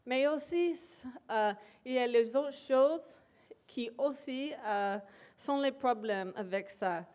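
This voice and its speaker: In a lecture hall, a woman who speaks English natively presents academic work as an invited speaker. Her high-pitched voice has a darkish tone, and she talks slowly and hesitantly, pausing often and using many fillers.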